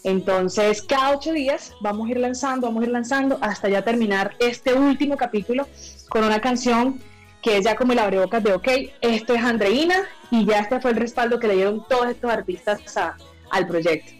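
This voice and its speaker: Effusive coastal Colombian woman, higher-pitched voice. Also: a little fast, soft background music, poor audio. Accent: coastal Colombian, Barranquilla. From Barranquilla, Colombia. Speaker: singer, interview guest. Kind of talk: casual interview chat.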